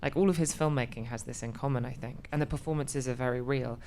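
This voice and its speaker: A woman's voice: extremely low pitch, fairly even intonation, quick pace, a little mellow, a little hiss or hum. A woman in her forties being interviewed about her acting work, thoughtful and often restarting as she searches for words. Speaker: actor, interview guest. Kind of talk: conversational interview.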